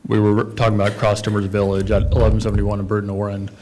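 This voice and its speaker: A man's voice: lowish voice, monotone, fast, a little mellow. A man presenting as a developer at a town council meeting, talking casually with many fillers and restarts.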